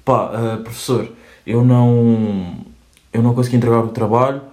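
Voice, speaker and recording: A man voicing a whiny young male student who rambles through excuses to his teacher, in a lower, drooping voice. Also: fairly even intonation, normal speed, a little mellow, natural voice. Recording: roomy echo.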